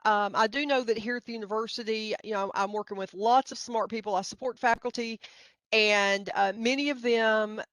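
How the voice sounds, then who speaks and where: A woman's voice: a little high, steady tone, normal speed, a bit bright, clean tone, dry recording. A middle-aged woman with a Middle Tennessee accent gives an informal training presentation in a hesitant, folksy, self-deprecating way. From Middle Tennessee, United States. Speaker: university grant budget specialist, presenter.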